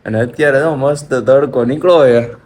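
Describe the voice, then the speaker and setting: A young vlogger from Gujarat, India, chats casually with viewers on the rooftop of his family home, playfully pleading with his mother. His medium-pitched voice has a darkish tone and a moderate pace.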